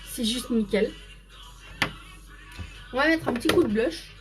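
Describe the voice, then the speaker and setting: A woman's voice: fairly high pitch, measured pace, over music. A woman hosting a casual live makeup stream, chatting to viewers by name and explaining each step as she goes.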